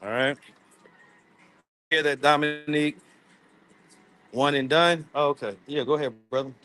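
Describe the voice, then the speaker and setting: A man's voice: on the high side, fairly even intonation, moderate pace, a bit bright. A man, hosting a casual live stream from his phone, loose and playful, laughing often. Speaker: livestream host. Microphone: phone camera.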